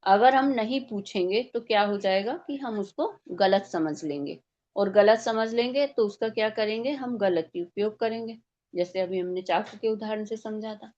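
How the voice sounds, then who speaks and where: A woman's voice: medium pitch, normal speed, a little mellow, dull audio. A woman teaching a devotional scripture class, explaining step by step and posing rhetorical questions.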